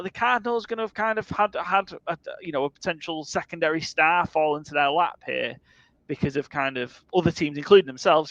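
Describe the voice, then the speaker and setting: Jokey podcast host, slightly high, muffled. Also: male voice, a bit bright, no echo. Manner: jokey, swears, reads segment headlines. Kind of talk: casual sports podcast chat.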